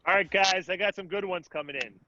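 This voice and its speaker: A man's voice: high voice, fast talker, pushed and bright. A man hosting a video call and reading out viewer comments in an upbeat, jokey way. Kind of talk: casual chat. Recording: dull, dry sound.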